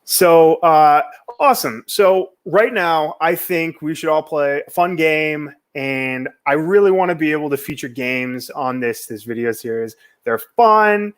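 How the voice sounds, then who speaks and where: A man's voice: on the high side, expressive, a little slow, smooth. Young Boston man hosting a chat. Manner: friendly, joking banter. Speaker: host. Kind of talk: casual chat. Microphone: video call.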